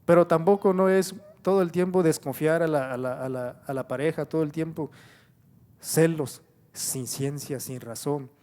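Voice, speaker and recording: At a normal speed and in a dark-toned voice on the high side, a middle-aged man preaches to a church congregation he calls brothers. His exhortation is repetitive, full of rhetorical questions and frequent cries of "gloria a Dios."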